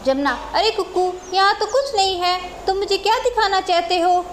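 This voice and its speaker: A kind young village daughter-in-law, voiced by a woman, in a children's storybook. She talks soothingly and with affection, in a very high voice over faint ambience. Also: moderate pace, fairly bright tone, a little hiss or hum. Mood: gentle.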